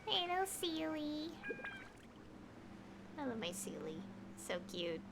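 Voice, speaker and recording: A woman game streamer does casual live commentary through a headset, rambling and thinking aloud as she plays over game music. Her high voice is sing-song and slow, with vocal fry and a noisy background.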